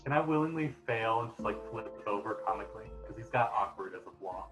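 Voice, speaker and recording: A man playing in a tabletop game who jokes and gets excited. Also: on the low side, fast talker, faint music behind, rough recording. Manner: joking, excitable. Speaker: player. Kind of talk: tabletop role-play.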